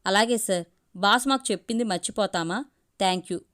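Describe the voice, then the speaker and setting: A woman's voice: mid-range voice, fairly quick, fairly bright tone, close to an everyday voice. A woman reading the lines of a suspicious, dutiful male security guard in a storybook reading. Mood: deferential.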